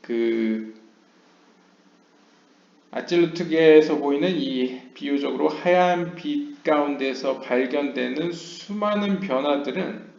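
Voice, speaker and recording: A man giving a lecture. He reads English passages slowly and explains them at length, with frequent hesitation fillers. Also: on the high side, creaky, darkish tone. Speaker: lecturer on Kabbalah. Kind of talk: lecture, reading text aloud and explaining. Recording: roomy, dull lo-fi home recording.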